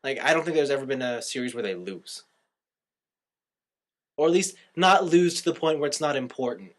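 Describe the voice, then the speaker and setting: Speaking at a medium pitch and normal speed, this co-host brings an expressive energy to a laid-back anime podcast. He's a passionate fan who isn't shy about his strong views.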